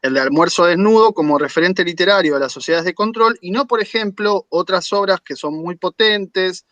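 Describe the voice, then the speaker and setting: A man leads an online academic panel, measured and explanatory as he puts questions to the guests. His voice sits fairly high for a man, and the call audio is dry and close. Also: fairly bright tone, dry recording. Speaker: panel coordinator. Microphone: video call.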